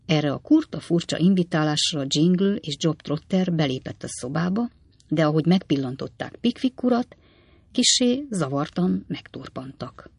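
A reader narrating a classic novel in an even, low, measured way. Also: husky, no room sound. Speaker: audiobook reader.

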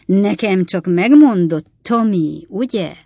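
A woman voicing a nosy, fussy little gossiping woman, high and loud, coaxing and exclaiming. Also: expressive, vocal fry, dry recording, clean studio sound.

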